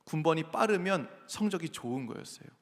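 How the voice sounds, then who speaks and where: A man's voice: fairly high pitch, expressive, fairly quick, a bit bright. A man in his thirties preaching a sermon, telling a personal story earnestly and acting out quoted lines. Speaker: pastor. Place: large church sanctuary. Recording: echoey sanctuary with long reverb.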